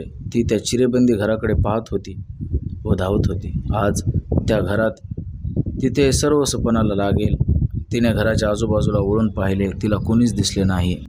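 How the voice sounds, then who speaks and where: A man narrating a novel audiobook in a steady, even reading voice. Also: fairly low pitch, a little hiss or hum.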